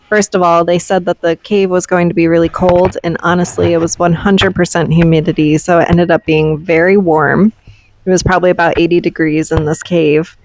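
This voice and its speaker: A woman with a slightly low voice narrates a vlog. She is conversational and explanatory, recapping an outing casually as she would to viewers. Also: no echo, poor audio. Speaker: vlogger. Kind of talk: casual voice-over recap of a trip.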